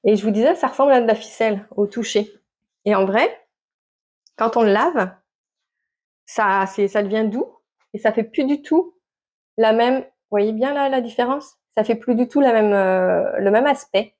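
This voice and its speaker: Woman, casual vlog chat, slightly high voice, halting with fillers. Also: a little mellow. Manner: hesitant, many fillers and restarts. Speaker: knitting vlogger. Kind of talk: casual show-and-tell chat to camera.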